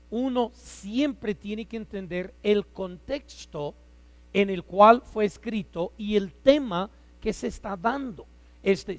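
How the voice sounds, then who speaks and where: A man in his fifties, a guest preacher delivering a sermon loudly, with frequent filler words and light humor. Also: high-pitched, no echo, big-room sound. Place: church sanctuary.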